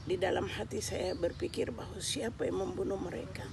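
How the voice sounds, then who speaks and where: A woman recounts a religious testimony with a gravelly, fry-laced voice at a middling pitch. Her telling is earnest and grows loud and tearful. The recording carries a clear layer of background noise. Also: fairly even intonation, a little fast. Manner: earnest storytelling that swells to loud, tearful intensity. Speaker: believer giving a testimony.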